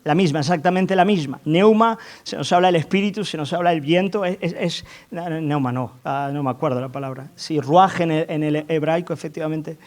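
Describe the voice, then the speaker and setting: A man's voice: on the high side, brisk, a little mellow. A male pastor preaching a sermon with fervor, building to emphatic peaks, often asking the congregation to agree, and repeating words as he restarts. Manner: fervent, rising to emphatic climaxes, asks the congregation for affirmation.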